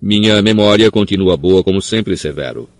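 A man reading an audiobook, voicing a calm, wise old headmaster who speaks in a measured way. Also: on the low side, no room sound, lightly acted. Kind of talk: audiobook character voice.

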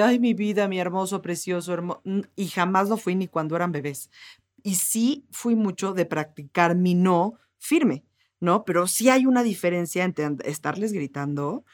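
Mom hosting a chat, talks firm and emphatic. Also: female voice, lowish voice, unhurried. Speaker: podcast host, mother. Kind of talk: casual conversational chat.

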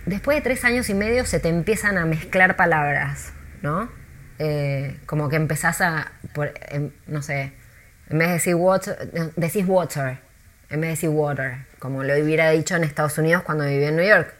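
An Argentine woman who works as a tour guide, chatting in an interview with lively, storytelling delivery and many restarts. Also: deep voice, a little fast. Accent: Argentine Spanish.

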